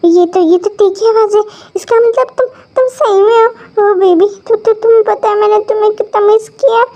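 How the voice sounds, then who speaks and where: A woman's voice: very high-pitched, normal speed, darkish tone. A woman voicing a drunk, lovesick young man who slurs and stammers. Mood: drunk pleading. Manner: slurred, stammering speech. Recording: dull lo-fi recording.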